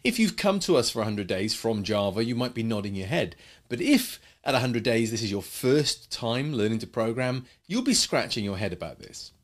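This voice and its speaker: A man's voice: medium pitch, very animated, moderate pace. A man teaching a coding lesson in a chatty way, explaining with playful asides. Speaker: programming teacher.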